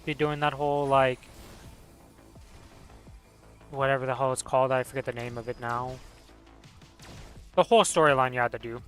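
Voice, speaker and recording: A man's voice: medium pitch, steady tone, fast, a bit bright, soft background music. A man in casual, rambling, slangy conversation while gaming as a streamer. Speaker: game streamer.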